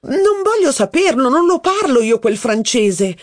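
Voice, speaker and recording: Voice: medium pitch, sing-song, normal speed, darkish tone, no echo, studio quality, voice pushed up. An audiobook reader voicing a haughty, witty aristocratic duchess, with mocking, theatrical, exclamatory speech. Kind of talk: audiobook reading.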